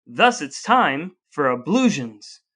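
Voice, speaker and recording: This American podcast co-host has a slightly high, pushed, bright voice, very animated yet slow-paced, with a little hiss or hum in the recording. He moves from scripted intros to loose banter in a playful, verbose, announcer-style manner.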